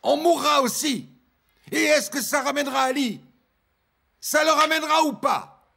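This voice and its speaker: A man's voice: extremely high pitch, moderate pace, vocal fry, bright, forceful tone, exaggerated voice. An actor dubbing a middle-aged father who pleads insistently with his son, repeating his commands. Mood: pleading. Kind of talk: dubbed TV drama acting.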